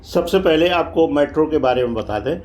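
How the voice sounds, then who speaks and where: Slightly high-voiced man explaining to viewers. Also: lively intonation, fairly quick, a little mellow, a little hiss or hum. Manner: explanatory, addresses viewers directly. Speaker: vlog host. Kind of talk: informative travel vlog commentary. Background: faint metro train ambience.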